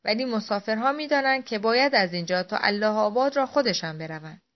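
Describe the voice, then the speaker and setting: A woman's voice: mid-range voice, expressive, close to an everyday voice. A woman reading the lines of a blunt, matter-of-fact railway conductor in an audiobook. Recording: dull lo-fi audio.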